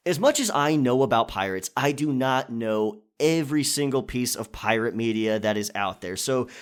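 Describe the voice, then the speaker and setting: An audio roleplay creator and channel host runs a casual question and answer session for his listeners, chatty and conversational. His medium-pitched voice is smooth and animated, at a moderate pace.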